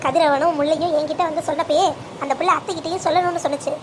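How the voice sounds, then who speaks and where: A level-headed father in a cartoon story, voiced by a woman, soothing and persuasive in a very high, brisk voice. He reasons things out step by step. Steady background noise sits under him. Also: natural voice. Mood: calm. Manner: soothing, persuasive, takes blame. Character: calm, reasoning middle-aged father, man.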